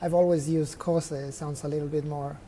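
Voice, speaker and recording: A man's voice: a little high, level tone, normal speed, mellow, a little hiss or hum. A young man from Mexico, a trail runner guest in a casual interview, talking openly and reflectively with restarts as he thinks. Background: faint chatter of people nearby.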